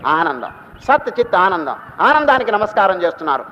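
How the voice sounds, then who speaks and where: Older swami preaching with chanted verses. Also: male voice, high-pitched, sing-song. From Telugu-speaking South India. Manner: chants verses slowly, then explains in conversational asides; asks the audience rhetorical questions. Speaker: swami giving a spiritual discourse. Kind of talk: religious discourse with chanted Sanskrit verses. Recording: long reverb, dull lo-fi sound.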